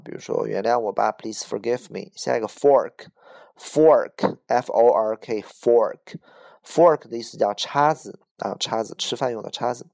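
A man's voice: mid-range voice, creaky, a little mellow. A man teaching English vocabulary in Chinese, patiently explaining each word and giving short examples. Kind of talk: vocabulary lesson.

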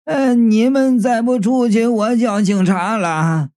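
A reader voicing an old man who is a possessed corpse, speaking slowly and hesitantly in an audiobook story. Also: mid-range voice, a little mellow, natural voice. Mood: wary. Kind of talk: audiobook character voice.

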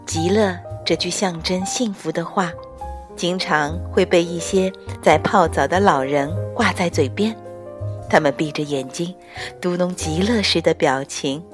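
Slow, gentle woman storyteller. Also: on the low side. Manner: soft, unhurried, gentle. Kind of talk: children's picture-book reading. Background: soft music.

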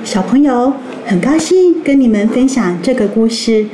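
A woman's voice: fairly high pitch, animated, normal speed, reverberant, faint music behind, rough recording. A woman teacher, talking playfully and curiously to young children about a story. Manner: bright, playful, curious tone for kids. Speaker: reading teacher. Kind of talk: children's reading lesson.

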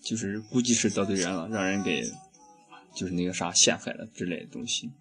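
A man's voice: low-pitched, a little fast, a bit bright, soft background music. A young man hosting a casual comedic chat, ranting with heavy profanity and frequent laughs. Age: young adult. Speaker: host.

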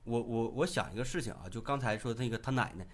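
A man hosting a radio call-in show, chatty and quick to exclaim. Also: mid-range voice. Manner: animated, chatty, laughs and exclaims. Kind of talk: lively radio chat.

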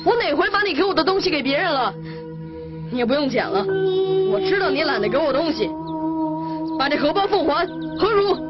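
An actress playing a tearful, proud young noblewoman in a period TV drama, speaking in a reproachful, sharp-tongued way. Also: high-pitched, expressive, brisk, long pauses, loud music behind the voice. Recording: dull lo-fi drama clip. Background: loud drama score.

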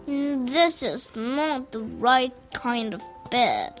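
A woman voicing a playful, boastful male cat in a hat for a read-aloud picture book, drawing out his words in a slow, sing-song way. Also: high voice, lively intonation, soft background music, voice pushed up, exaggerated voice. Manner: slow, drawn-out, sing-song storybook delivery.

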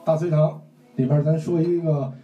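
A man performing a comic crosstalk routine on stage, telling a story with animated shifts between narration and acting out characters, recorded live in a roomy space. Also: on the high side, moderate pace, far from the mic, dull audio. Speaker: crosstalk comedian. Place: stage before a live audience.

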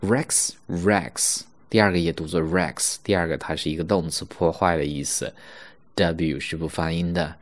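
Low-voiced male English pronunciation teacher. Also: fairly even intonation. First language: Mandarin Chinese. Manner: slow, exaggerated demonstration of English words. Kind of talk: online English lesson.

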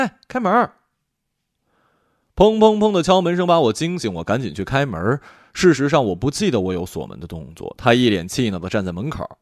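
Calm male storyteller, lively pitch. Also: no room sound, clean studio sound. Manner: calm, reflective, drifting. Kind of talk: first-person story narration.

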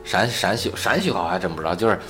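Lively, quick Tianjin-accented man chatting. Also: sits low, over music. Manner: colloquial, halting with repeated words. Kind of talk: casual chat.

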